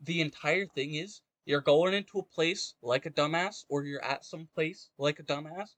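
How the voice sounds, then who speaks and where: A podcast co-host argues casually about games, his somewhat high voice moving at normal speed with a fairly bright tone and no echo. He speaks emphatically and swears freely.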